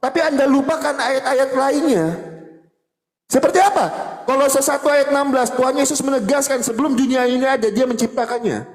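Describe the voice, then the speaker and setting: A man rebutting in a debate, speaking loudly and fervently while firing off a rapid string of verse citations. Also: very high-pitched, steady tone, roomy sound, long reverb tail.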